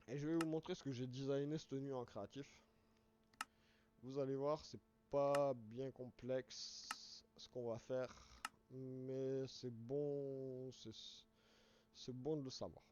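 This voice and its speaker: A man with a hoarse voice, casually talking viewers through a game on a live stream, rambling and restarting words as he explains each step. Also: medium pitch, steady tone, takes it slowly, warm tone, a little hiss or hum. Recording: dull lo-fi stream audio.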